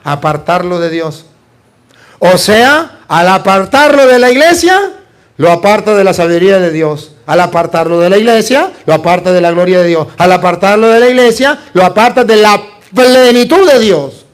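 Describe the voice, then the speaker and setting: A man with a high voice preaches a lively sermon, pressing his listeners with rhetorical questions and call-and-response. He slips in playful little exchanges and lands them with humor. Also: normal speed. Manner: humorous, plays out little dialogues.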